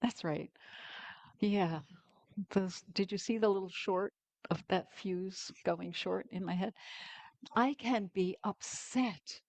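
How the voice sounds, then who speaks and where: Slow-spoken older woman minister. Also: mid-range voice, darkish tone, dry recording. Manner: slow, pausing, personal and candid. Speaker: guest minister. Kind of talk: conversational sermon.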